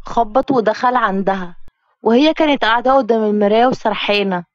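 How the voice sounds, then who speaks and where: A woman with an Egyptian Arabic accent, narrating a story and voicing the bride in a sharp, cheeky way. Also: fairly high pitch, a little fast, dry recording. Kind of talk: storybook narration with voiced characters. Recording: dry, slightly dull recording.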